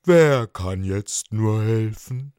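A man voicing a wise old male octopus in a children's audio story, lecturing loudly. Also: fairly low pitch, animated, drawn-out words, smooth, no echo, clean studio sound. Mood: grave. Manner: loud, lecturing.

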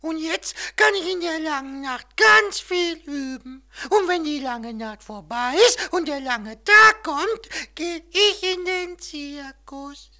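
A delighted little seal pup squeals in a very high, excited voice. He sounds bursting with joy. It is a children's audio story. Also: slow pace, exaggerated voice. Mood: overjoyed.

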